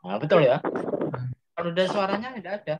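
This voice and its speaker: A man with a Javanese accent teaches Islamic grammar in an interactive classroom lesson, explaining step by step and quizzing his students. He speaks fast in a high voice, and the recording is muffled with a noisy background.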